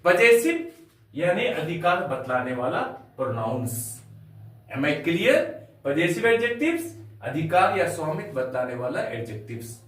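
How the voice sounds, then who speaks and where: A man teaches a classroom grammar lesson in an emphatic, repetitive way, asking questions and answering them himself. His voice sits high and swings widely in pitch. He is heard from some distance in a strongly echoing room. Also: big pitch swings, measured pace, a bit bright. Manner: emphatic, repeats and asks rhetorical questions. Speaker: English teacher. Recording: very echoey room, from far off.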